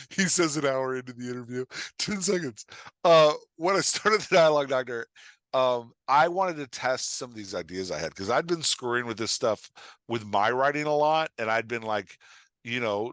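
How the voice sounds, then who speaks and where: A podcast guest who works as a writing coach chats casually in an interview, his voice lowish and fairly bright with no echo. He's emphatic, repeats his phrases often, and acts out imagined remarks.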